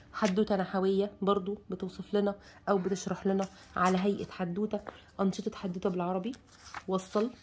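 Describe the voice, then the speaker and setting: Egyptian woman, quick and chatty book reviewer, enthusiastic, filler-heavy. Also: mid-range voice, a little mellow, slight background noise. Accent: Egyptian Arabic. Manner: chatty, enthusiastic, many fillers, lists contents aloud. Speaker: bookshop presenter reviewing a children's book. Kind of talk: casual book review while leafing through pages.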